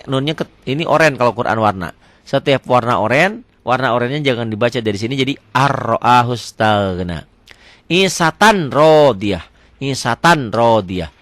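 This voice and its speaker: A man's voice: mid-range voice, a bit bright, dry recording. Man teaching Quran reading, dry sound. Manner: asks and answers his own questions, chants verses slowly.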